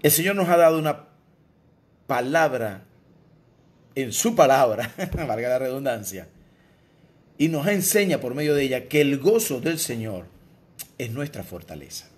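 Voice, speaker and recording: A man with a Venezuelan accent, a pastor preaching a sermon, who moves between soft low asides and raised emphatic lines and keeps asking "¿verdad?". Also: expressive, measured pace, pauses often. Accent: Venezuelan Spanish.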